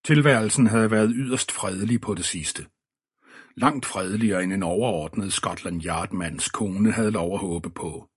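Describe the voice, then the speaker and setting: A man with a husky voice reading an audiobook in measured, scripted narration. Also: on the low side, no echo, studio quality. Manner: measured storytelling.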